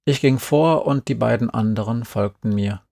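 A man calmly reading a first-person story aloud. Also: mid-range voice, moderate pace, vocal fry, no echo, studio quality. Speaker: audiobook reader.

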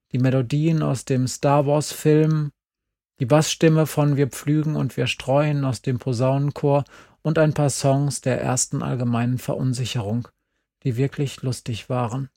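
A man reading a first-person story aloud, calm and measured. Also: mid-range voice, no room sound, clean studio sound. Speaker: audiobook reader. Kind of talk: scripted first-person narration.

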